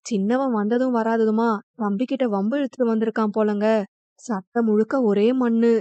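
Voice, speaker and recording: A woman's voice: fairly high pitch, fairly even intonation, moderate pace, warm tone, dry recording, natural voice. Woman voicing a subdued sad mother. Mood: sorrowful. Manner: subdued, sorrowful tone. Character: mother Vennila, quiet, sad middle-aged housewife. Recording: dull lo-fi dry recording.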